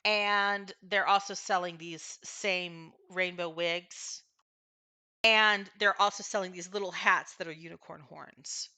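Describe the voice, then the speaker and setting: A woman narrating a tabletop fantasy game as game master, improvising haltingly as she thinks aloud. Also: lowish voice, fairly even intonation, bright, forceful tone.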